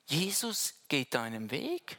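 A pastor preaching a sermon to the congregation, swinging between hushed, low phrases and loud, raised ones, and talking to the listener directly and informally. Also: huge pitch swings, slow.

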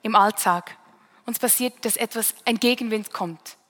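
A woman's voice: a little high, normal speed, a bit bright, big-room sound. A woman from the Bern region of Switzerland with a Swiss German accent, preaching a sermon in a conversational way and often adding a questioning "right?" at the end of a phrase.

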